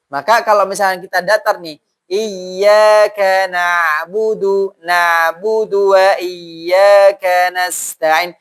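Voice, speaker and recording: Guy teaching quran recitation in a mosque, high voice, goes slow and repeats each syllable. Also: fairly bright tone. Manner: repeats syllables slowly to model pronunciation. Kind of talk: tahsin lesson with call-and-response drilling.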